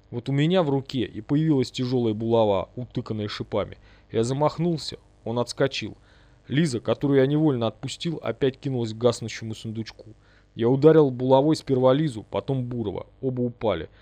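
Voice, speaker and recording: A man's voice: mid-range voice, dark tone, dry recording. A man narrates a first-person audiobook with a vivid, dramatic delivery. His voice sits in a middle register. The recording is dry with no room sound.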